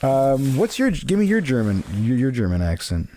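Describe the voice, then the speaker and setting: A man's voice: medium pitch, wildly swooping pitch, moderate pace, dark tone, slight background noise. A man hosting a casual podcast chat, jokey and rambling, with lots of restarts. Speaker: podcast host.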